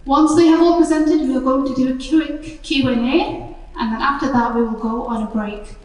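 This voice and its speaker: A woman with a Northeast English accent hosting a charity event, talking in a friendly, slightly halting way, her voice going hoarse. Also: sits high, steady tone, a little mellow. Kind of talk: live event presentation. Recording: echoey hall from far off.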